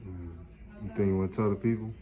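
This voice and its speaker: A woman keeping a friend company in a hospital room, talking in a slow, teasing, low-key way. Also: steady tone, dull audio. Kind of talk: casual chat.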